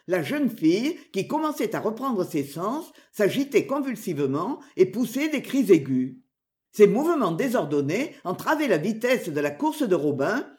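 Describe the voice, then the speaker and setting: Narrator: a woman reading a storybook, dramatic and expressive, lively pitch. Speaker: audiobook narrator.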